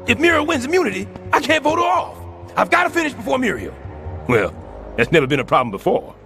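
An actor playing a blustery, scheming middle-aged husband and building super in an animated sitcom. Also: male voice, very high voice, fast, gravelly, faint music behind, exaggerated voice.

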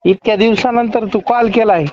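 A man's voice: high voice, fairly even intonation, fairly quick. Man, Marathwada Marathi accent, over the phone, muffled lo-fi call, casual flirtatious chat, teasing, insistent. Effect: heard over the phone. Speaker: prank call recipient, shopkeeper.

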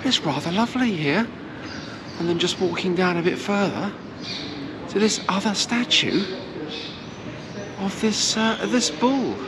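A middle-aged woman with a medium-pitched, lively voice presents a walking-tour travel vlog, holding the camera at arm's length as she strolls through sunny city squares and streets. Her pace is measured, with long pauses, and she chats in a meandering way full of hesitations. Crowd noise, street sounds and traffic fill the background.

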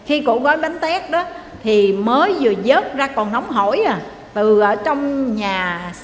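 Southern Vietnamese nun telling a story. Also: female voice, fairly high pitch, a little slow, a little hiss or hum. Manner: animated, addresses audience directly. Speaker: Buddhist nun preacher. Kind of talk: sermon storytelling. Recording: echoey hall, faint ambience.

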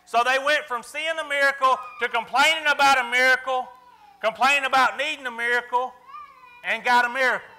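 High-voiced preacher guy, sharp tone, keeps asking the crowd if they got it. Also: fairly even intonation, a little fast. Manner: emphatic, quizzes the congregation. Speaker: pastor. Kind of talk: sermon.

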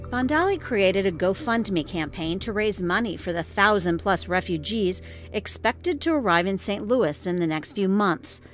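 A woman reporter giving scripted news narration in a measured, clear way. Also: medium pitch, lively intonation, soft background music.

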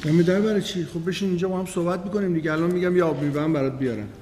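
An actor playing a bossy company owner in a TV series, who argues and shouts angrily. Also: male voice, high voice, fairly even intonation, long reverb tail, music in the background, lightly acted. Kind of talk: TV series acting.

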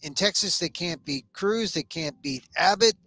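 This talk show host, an American man in his sixties, sounds a little high, bright and forceful at a normal speed. Wearing a headset mic in a small indoor room, he runs a casual, opinionated online chat, wandering off and restarting his points.

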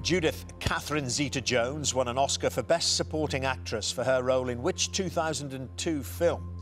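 A man hosting a television quiz show in a studio, briskly reading out questions and answer options. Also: medium pitch, a bit bright, soft background music.

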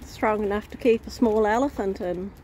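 A woman vlogging outdoors while walking her dogs, chatting in an easy, unhurried way to viewers and her pets, recorded on a handheld phone. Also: medium pitch, dark tone, slight background noise. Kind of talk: casual walk-and-talk vlog. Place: outdoors on suburban streets. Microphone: phone camera held while walking.

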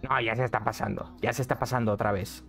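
A man's voice: fairly low pitch, steady tone, quick pace, vocal fry, fairly bright tone, soft background music. A young man, chatting casually on a live stream from a neon-lit bedroom, repeating phrases and reading the chat aloud. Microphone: studio mic on arm, headset.

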